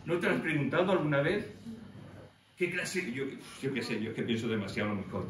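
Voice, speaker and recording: A man preaching a lively sermon, telling the story with animated acted-out voices. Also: mid-range voice, brisk, far from the mic. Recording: echoey room from afar with faint noise.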